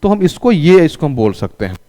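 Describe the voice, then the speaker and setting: A man's voice: a little high, very animated, brisk, warm tone, long reverb tail. A male teacher giving a classroom English lesson, asking questions and answering them himself and having students repeat after him. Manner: calls students "raja".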